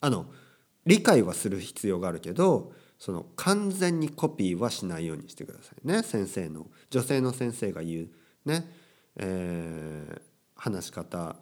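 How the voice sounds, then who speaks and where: Lively-voiced man teaching casually. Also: sits low, a little slow. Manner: animated, playful quoting of characters and phrases. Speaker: Japanese teacher. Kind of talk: casual language lesson.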